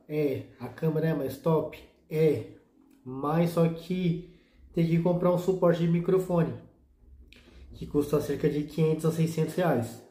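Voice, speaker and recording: This is a slangy, laid-back show-and-tell vlog: a thirties-aged man filler-heavy as he presents his motovlog gear in a small room with echo. He speaks with a fairly high pitch and a dark tone.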